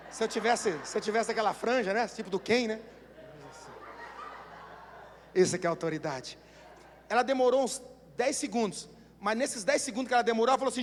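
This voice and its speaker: A Brazilian man preaching a sermon as pastor, telling animated stories and building up to shouts. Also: sits high. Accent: Brazilian Portuguese. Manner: animated storytelling, acts out voices, builds to shouting. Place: church hall. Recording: long church hall reverb.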